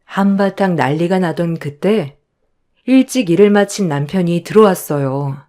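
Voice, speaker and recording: A woman's voice: on the low side, animated, moderate pace, warm tone. A woman narrating a first-person family story in a confiding way.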